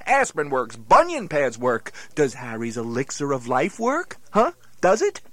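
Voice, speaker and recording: Animated, exasperated male straight man. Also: mid-range voice, measured pace, no room sound. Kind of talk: scripted comedy dialogue for radio.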